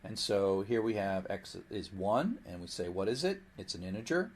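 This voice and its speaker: A man's voice: low-pitched, big pitch swings, moderate pace. A man teaching programming in a recorded lecture, explaining patiently and voicing the computer in playful asides. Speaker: programming instructor.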